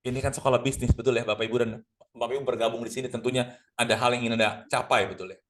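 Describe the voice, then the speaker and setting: Middle-aged guy running a sales class online, talks fast, pumps up the audience with questions. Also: mid-range voice, noisy background. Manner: energetic, addresses audience as Bapak Ibu, rhetorical questions. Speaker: sales trainer.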